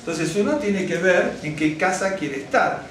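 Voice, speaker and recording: A man, a rabbi, giving a conversational sermon to his congregation. He is lively and digressive, keeps asking "¿no es cierto?", and gets carried away with enthusiasm. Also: high-pitched, measured pace, background noise. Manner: addresses congregation directly, gets excited. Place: synagogue hall. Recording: very echoey hall, mic at a distance, faint ambience.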